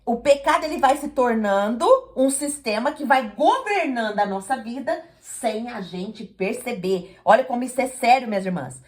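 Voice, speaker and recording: A woman's voice: a little high, expressive, moderate pace, few pauses. A woman preaching to a women's group, emphatic, often checking that her listeners follow and acting out little dialogues. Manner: emphatic, asks listeners "entendeu?", acts out dialogues. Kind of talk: sermon. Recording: echoey room.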